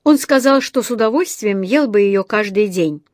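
A woman voicing a small, polite, naive bear cub with a bright, earnest voice. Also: medium pitch, animated, moderate pace, dry recording, clean studio sound, lightly acted.

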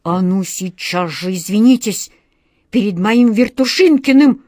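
A woman voicing an excitable striped male cat wizard who talks fussily and gabbles shrilly when upset. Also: medium pitch, slow, no room sound, studio quality, exaggerated voice. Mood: threatening.

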